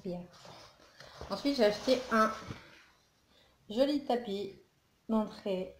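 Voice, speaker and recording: At home in front of a Christmas tree, a woman from northern France vlogs about her holiday shopping haul, wandering off on tangents and using lots of fillers. She speaks slowly at a fairly high pitch. The room echoes, with slight background noise.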